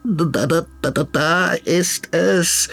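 A man voicing an excitable little male frog in a children's audiobook, with a high, squeaky, jumpy delivery. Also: slow, gravelly, faint music behind, exaggerated voice. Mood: frightened. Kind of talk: audiobook character voice.

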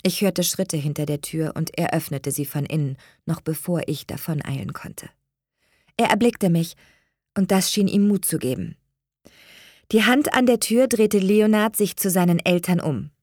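A woman narrating an audiobook in the first person, calm and even. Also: on the low side, moderate pace, no echo, clean studio sound.

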